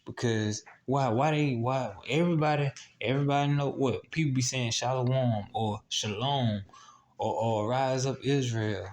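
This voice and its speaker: A man's voice: medium pitch, a little mellow. A man preaching a scripture teaching, repeating himself and throwing out rhetorical questions as he goes. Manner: repetitive, asks rhetorical "what?" questions; halting, many restarts and fillers.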